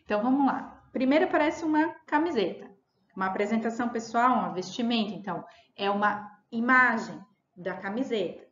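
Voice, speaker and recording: A woman's voice: on the high side, expressive, a little fast, fairly bright tone. Woman, teacher, explanatory, echoey room, muffled lo-fi sound. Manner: explanatory, repeats key words with fillers. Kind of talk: remote video lesson. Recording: roomy, dull lo-fi audio.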